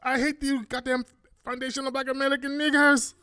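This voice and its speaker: A man putting on the voice of a shrill, indignant man who screeches insults and rolls his R's. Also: little pitch movement, brisk, pushed and bright, no room sound, studio quality. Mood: enraged.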